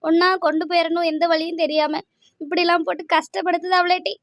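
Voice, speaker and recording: A woman's voice: extremely high pitch, level tone, quick pace, no room sound, clean studio sound. A woman voicing a despairing old wife. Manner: plaintive and weary. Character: elderly grieving wife, fearful and weary.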